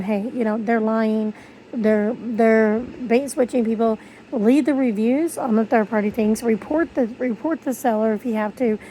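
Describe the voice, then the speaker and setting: A woman's voice: on the high side, mellow, slight background noise, rough recording. A woman speaking casually to her viewers in a rambling vlog, her speech slightly slurred by missing front teeth. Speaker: video creator. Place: bedroom, lying in bed.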